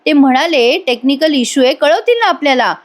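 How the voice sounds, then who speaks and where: A woman's voice: high voice, expressive, brisk, voice pushed up. A woman voicing a patient older father who reassures his daughter. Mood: soothing. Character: father Prataprao, older man, soothing.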